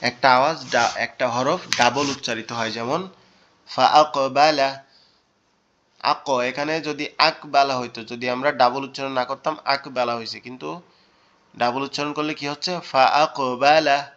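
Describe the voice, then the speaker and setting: A man teaching an online Quran class, drawing out Arabic words slowly and quizzing his students. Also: mid-range voice, fairly even intonation, sharp tone, lo-fi sound. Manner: slow, drawn-out pronunciation of Arabic words, asks students questions. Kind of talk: online Quran recitation lesson. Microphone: video call.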